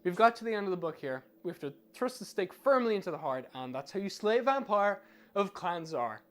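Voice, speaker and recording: Male game streamer, high voice, casual live commentary, chatty, informal, self-deprecating. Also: sing-song, a little fast, slight background noise.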